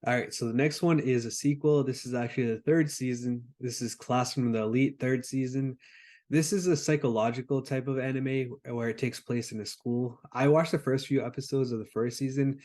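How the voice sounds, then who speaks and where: A man's voice: medium pitch, steady tone, a little fast, a little mellow. Laid-back man chatting about anime. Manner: laid-back, filler-heavy, explains plots with many "like"s. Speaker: podcast co-host. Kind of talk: casual chat about anime.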